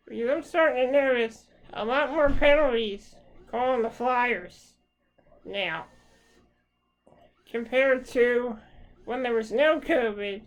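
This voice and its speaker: Angry woman fan, profane rant to camera, slow-paced, a bit high-pitched. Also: poor audio. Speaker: hockey fan.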